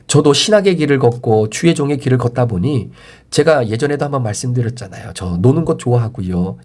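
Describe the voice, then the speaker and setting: A man's voice: on the high side, a little mellow. A male pastor giving a morning devotional sermon that ends in prayer, talking emphatically with rising and falling emphasis.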